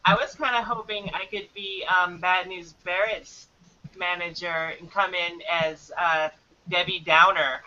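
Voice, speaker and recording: A woman's voice: on the low side, steady tone, slow, pauses often, pushed and bright, muffled recording. A woman, a guest wrestler, chatting in a casual podcast interview with an upbeat, easygoing manner. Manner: upbeat, laughs easily.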